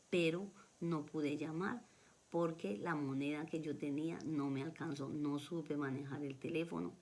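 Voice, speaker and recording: A woman with a Colombian accent recounts her own life story in an earnest, emotional way, circling back over her words. Her voice sits low, and a faint hum of room noise stays underneath. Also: warm tone. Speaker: vlogger. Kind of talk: personal life story told to camera.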